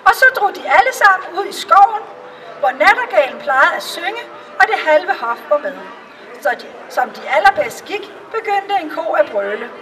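A woman reading a fairy tale aloud in a calm storytelling manner. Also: very high-pitched, far from the mic, a faint crowd, a little hiss or hum, rough recording. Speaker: reader.

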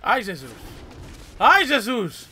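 Young Portuguese man, gameplay commentary; high, bright voice, excitable, swears and yelps. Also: slow pace, slight background noise. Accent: European Portuguese. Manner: excitable, swearing, shouting outbursts. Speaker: gamer.

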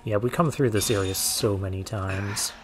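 With a voice on the low side and a moderate pace, this let's play host talks casually through a video game. He thinks aloud and mutters asides, and a little background noise can be heard.

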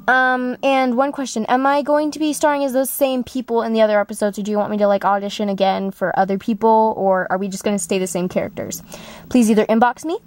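A high, close and dry female voice, speaking with new braces. She rambles casually and breezily, like an amateur voice actor talking to her viewers. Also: fairly even intonation, quick pace, no room sound. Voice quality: talking with newly fitted braces. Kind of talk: casual rambling chat to camera.

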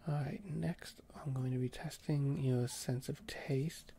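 A man murmurs close to the microphone in a whispered role-play as a gentle doctor. His voice is mellow and hushed, and he pauses often with small fillers. He gives each instruction slowly and calmly. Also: medium pitch. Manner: soft-spoken, slow and gentle, with frequent hesitant fillers. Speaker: doctor giving a cranial nerve exam.

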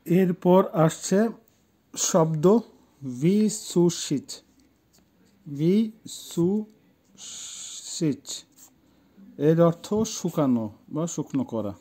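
A middle-aged man teaching a language lesson, speaking deliberately and repeating words with many pauses. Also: on the high side, dark tone. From Bangladesh. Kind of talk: slow explanatory language lesson.

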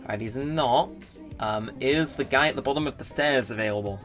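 A man's voice: mid-range voice, a little fast, fairly bright tone, faint music behind. A man giving casual, rambling commentary as he plays a game, often correcting himself and reading the on-screen text aloud. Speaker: let's play gamer.

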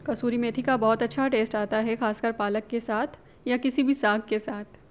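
At a normal pace, a woman with a slightly higher voice talks viewers through a home recipe in voice-over. Chatty and instructive, she often slips English words into her speech and sounds like a relaxed host of her own cooking channel.

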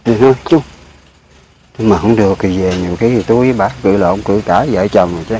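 A man's voice: fairly low pitch, quick pace, dark tone, a little hiss or hum. An older man, talking casually in an emphatic, plaintive way. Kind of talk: casual chat.

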